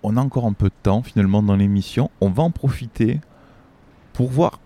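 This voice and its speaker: A man's voice: lowish voice, brisk, mellow. A man hosting a film review show, chatting casually in an indignant, rambling way with many restarts. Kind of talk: casual chat.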